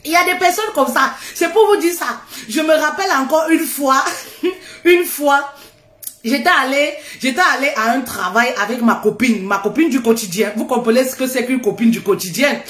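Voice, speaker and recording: A woman giving a casual motivational talk, loud and laughing often, repeating phrases for emphasis. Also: sits high, expressive, normal speed, roomy sound.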